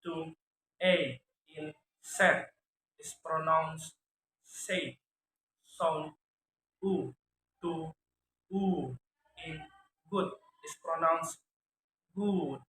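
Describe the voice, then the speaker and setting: Slow, halting student reading phonetics notes. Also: mid-range voice, steady tone, bright, forceful tone. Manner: stiff, careful pronunciation drills. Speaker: student presenting a phonetics test. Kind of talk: reading aloud a phonetics explanation. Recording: roomy echo, distant mic, faint room noise.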